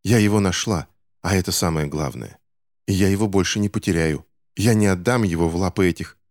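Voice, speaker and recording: A man's voice: low voice, brisk, a little mellow, dry recording, studio quality. A man voicing a harsh, desperate middle-aged mother in an audiobook, pleading and spiteful by turns. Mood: tense. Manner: pleading, then cold and spiteful.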